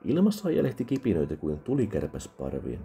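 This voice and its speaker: A man reading a fantasy audiobook in a calm, soft ASMR narration style. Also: low-pitched, a little hiss or hum. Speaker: audiobook reader.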